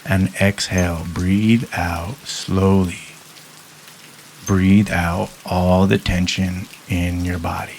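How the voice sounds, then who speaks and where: A man guiding a listener through a hypnosis induction in a soft, calm, measured way with long pauses. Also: sits low, slight background noise.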